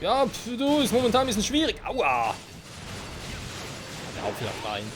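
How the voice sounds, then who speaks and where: A young man giving lively gameplay commentary and talking back to the characters on screen. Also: high-pitched, moderate pace. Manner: excitable, talks to the game characters. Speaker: let's play gamer. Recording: game music loud behind voice.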